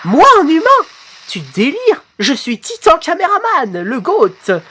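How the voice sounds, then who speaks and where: A brash, bragging male robot cameraman, put on by a woman who pitches her voice up high and shows off. The voice is pushed up and swaggering, as in a homemade cartoon dub. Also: huge pitch swings, measured pace, fairly bright tone, a little hiss or hum, exaggerated voice. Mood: boastful.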